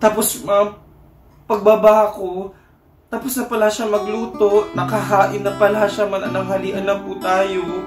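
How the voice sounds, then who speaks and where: Playful sketch comedian, man, echoey room with loud guitar music behind. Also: sits high, little pitch movement, a little slow. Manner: playful, singsong apologizing to mother. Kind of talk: comic monologue and sketch.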